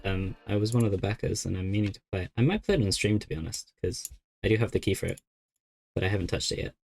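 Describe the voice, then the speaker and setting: A young man with a fairly low voice talks through a live game stream. He chats in an easygoing way and thinks out loud while he works through a puzzle. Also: animated, fast, gravelly. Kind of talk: casual live-stream chat.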